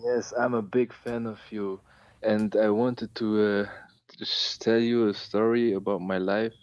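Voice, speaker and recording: A man in his late twenties from Germany, calling into a live show and telling a personal story in a halting way. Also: lowish voice, level tone, darkish tone, no room sound, highs cut off. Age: late 20s. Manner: halting, with many fillers and restarts. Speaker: caller.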